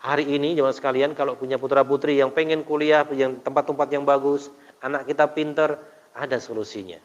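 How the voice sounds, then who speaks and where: A man's voice: medium pitch, steady tone, fairly quick. A man preaching to a mosque congregation, telling stories and throwing rhetorical questions at the listeners. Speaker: Islamic preacher. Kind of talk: mosque study sermon. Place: mosque hall. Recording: dull, long hall reverb.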